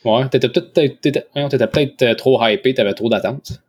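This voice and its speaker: A man's voice: mid-range voice, brisk, darkish tone, slightly rough, dry recording. Québécois man in slangy conversation, dry sound. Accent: Québécois French. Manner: informal and slangy, with English words mixed in. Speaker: podcast co-host. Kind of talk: casual chat about a TV series.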